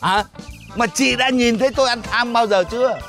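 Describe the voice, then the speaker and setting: A man's voice: very high-pitched, normal speed, vocal fry, soft background music, full character voice. A man plays a blustering, hot-tempered retired village mandarin in a folk comedy. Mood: indignant. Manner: pompous, bossy, shouting threats.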